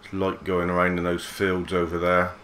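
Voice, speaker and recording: Male let's player, deep monotone voice, laid-back musing. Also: moderate pace, a little hiss or hum. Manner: relaxed musing, mild swearing. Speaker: gaming channel host. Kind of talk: let's play commentary.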